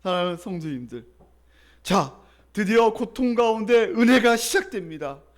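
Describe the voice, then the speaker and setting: A man with a notably high-pitched voice delivers a sermon as pastor. He talks in an easy, storytelling manner, stopping often to put questions to the congregation and lead them in reading back lines. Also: lively intonation, normal speed. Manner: conversational storytelling, quizzes the congregation; leads call-and-response readings.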